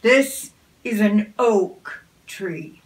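A woman's voice: mid-range voice, extremely slow, echoey room, distant mic. A woman voicing a smug, know-it-all male fox in a storybook, mumbling and scornful.

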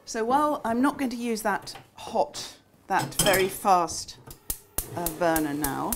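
An older woman with a relaxed, chatty manner, talking through a recipe in a small kitchen. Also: mid-range voice, slight background noise. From England. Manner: chatty, relaxed asides with frequent ums. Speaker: cookbook author demonstrating a recipe. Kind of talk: casual cooking demonstration. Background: food sizzling in a pan.

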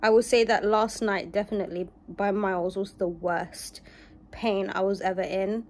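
A young woman recovering from surgery chats with her viewers in a casual vlog, her voice shaky and strained with pain. She speaks softly and mellowly at an even, everyday pitch and a normal speed.

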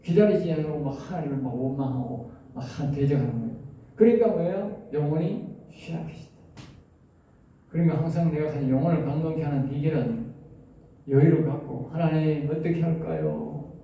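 A man preaching a Bible lecture to a class, often stopping to quiz his listeners with quick questions. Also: fairly high pitch, mellow. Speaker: preacher teaching at a seminary. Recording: very echoey room, mic far off, faint noise.

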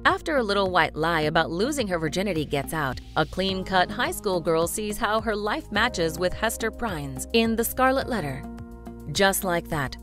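A woman reading a scripted voice-over in an even, informative way. Her voice sits a little low. Faint music plays underneath. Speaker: narrator. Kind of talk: scripted narration.

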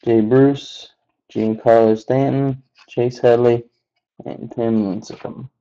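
A man slowly calling out the names on each card as he opens packs, adding relaxed asides. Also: medium pitch, clear, resonant tone, muffled recording. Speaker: card box breaker. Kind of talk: unscripted card-opening commentary.

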